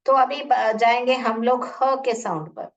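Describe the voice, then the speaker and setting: A woman with an Indian accent slowly teaching phonics, drawing out each sound and checking with her students. Her voice sits fairly high and comes through muffled, from a little away from the mic. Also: distant mic. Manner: slow, repeats sounds and words, asks questions. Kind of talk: online class teaching.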